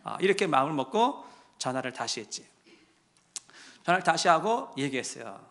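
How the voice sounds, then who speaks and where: A male pastor telling a story in his sermon, dropping to a hush and then rising loud and impassioned. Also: a little high, sing-song, normal speed. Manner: swings from hushed to loud and impassioned.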